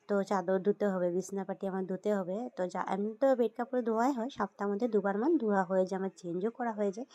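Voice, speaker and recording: Young woman with a Bengali accent, vlogger, chatty and homely, mid-pitched. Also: mellow. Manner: homely, addresses viewers as friends, rambling. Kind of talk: chatty home vlog. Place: home indoors during rain.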